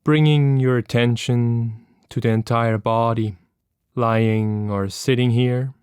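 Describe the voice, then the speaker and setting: A gentle, calm meditation guide, this man has a clear, smooth voice at medium pitch and moves at a very slow pace. Long pauses separate his instructions, and the sound is close and dry with no room sound.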